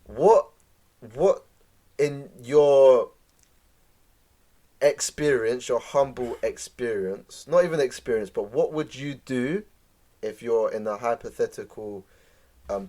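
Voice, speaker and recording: London man, mid-pitched, slangy podcast host. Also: slow, dark tone. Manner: slangy, conversational. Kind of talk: casual banter.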